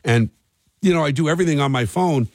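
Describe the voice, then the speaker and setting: This middle-aged American morning show host talks fast in a slightly high, a little mellow voice, chatting easily and asking frequent questions during talk and call-in segments. His close studio broadcast mic captures no room sound.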